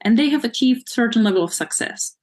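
A woman's voice: a little high, lively intonation, fairly quick, darkish tone. A woman from the Czech Republic with a Czech accent, giving earnest interview answers as a marketing consultant and explaining things in long lists.

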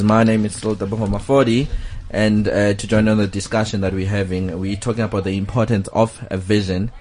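A man hosting a South African talk radio show, chatting casually with his guests. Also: lowish voice. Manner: relaxed, lots of "oh, okay" and "no, definitely".

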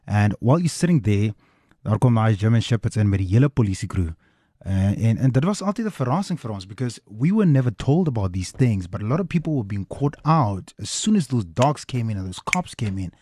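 A man's voice: lowish voice, sing-song, brisk, dark tone, husky, no echo, studio quality. A South African man hosting a radio phone-in, switching between two languages in an impassioned, direct way and asking rhetorical questions. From South Africa, Free State. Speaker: radio host. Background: music.

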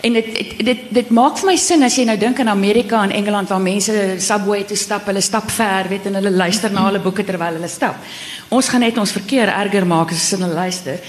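A woman's voice: mid-range voice, fast talker. A woman with a South African accent, speaking informally as she moderates a panel discussion. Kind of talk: informal panel discussion mixing English and Afrikaans. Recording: echoey hall, faint background noise.

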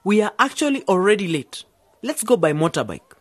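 A man's voice: high-pitched, big pitch swings, a little fast, a bit bright, dry recording, heavily acted. An actor playing a nervous, clumsy young man who stumbles over his words in a radio drama. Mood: flustered.

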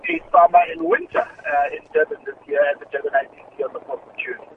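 A man's voice: on the high side, wildly swooping pitch, fast talker, distant mic, background noise. A man speaking on a car hands-free speakerphone while driving, as an upbeat radio guest. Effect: car hands-free speakerphone over a phone line. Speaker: chairman of a music awards body, radio guest. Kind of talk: phone-in interview. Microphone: car hands-free phone. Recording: tinny, dry phone line from a car.

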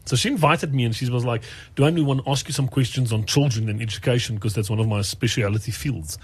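A man's voice: mid-range voice, fast, slightly rough. A man who works as a radio presenter, telling a personal story in casual talk, acting out the lines of other people with many restarts. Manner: animated storyteller, acts out quotes, many restarts. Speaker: radio presenter and podcast host.

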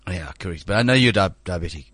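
A show host in his thirties talks fast in a low voice, recorded with no room sound. In this casual studio chat he's animated and rambling, stumbling and restarting often.

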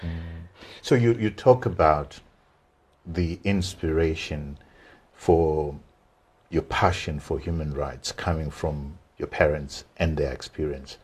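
A male interview host with a very deep, husky voice, listening attentively and murmuring agreement as his guest talks. He asks his questions plainly and stays low and breathy throughout. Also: slow, a little mellow. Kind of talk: casual interview.

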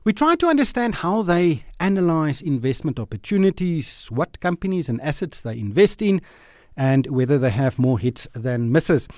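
A South African man hosting a podcast, asking questions in a lively way with a voice that rises and falls a lot. He is a little higher-pitched than most men. The sound is dry and close, with almost no room echo. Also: normal speed. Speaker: podcast host. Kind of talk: interviewing a guest.

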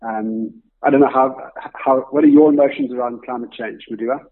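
A man's voice: medium pitch, steady tone, brisk. A man, a company co-founder and guest, answering interview questions thoughtfully, thinking aloud with fillers. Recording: tinny remote phone-like line.

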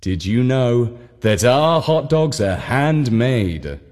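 A man voicing a smooth-talking male theme park announcer in a children's story, with a slick, salesy, drawn-out delivery. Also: mid-range voice, very animated, darkish tone, pitched below the performer's own voice.

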